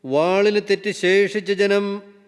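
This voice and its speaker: Man, scripture reader, high clear voice, flat measured formal reading, long hall reverb. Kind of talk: reading scripture aloud in a sermon.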